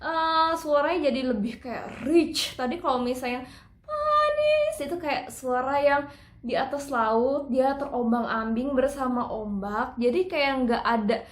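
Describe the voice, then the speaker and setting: A woman's voice: sits high, measured pace, echoey room. A woman teaching singing in a casual, chatty way, breaking into operatic phrases to demonstrate.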